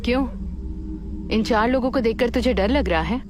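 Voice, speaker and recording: A woman's voice: a little high, moderate pace, noisy background, lightly acted. A woman playing a defiant young protester. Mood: challenging. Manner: firm, impassioned. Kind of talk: Hindi film dub. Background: film score.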